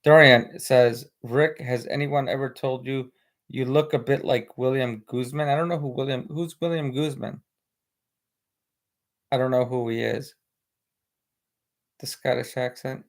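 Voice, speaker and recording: Here a man speaks in a steady mid-range voice, a little slowly and with frequent pauses. Spanish is his first language, but he has an American accent and comes from the United States; on a live stream he chats and rambles with plenty of fillers, reading comments from viewers.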